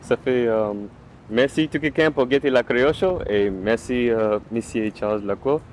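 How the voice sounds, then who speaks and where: A man's voice: medium pitch, normal speed, a little hiss or hum. A man with a Louisiana French accent hosting a casual interview. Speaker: show host.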